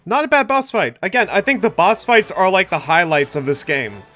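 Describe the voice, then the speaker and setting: Young male streamer, sarcastic reaction commentary, bright voice, animated pitch, faint game music. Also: moderate pace.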